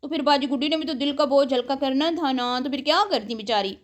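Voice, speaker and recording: High-voiced woman, chiding. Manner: chiding, sarcastic, addresses the viewer as sister. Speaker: online commentator reacting to other creators. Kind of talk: casual reaction commentary.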